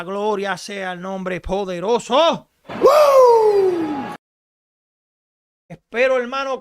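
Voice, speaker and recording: A woman preaching a radio sermon in an emphatic style, rising to shouts and asking rhetorical questions. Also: sits high.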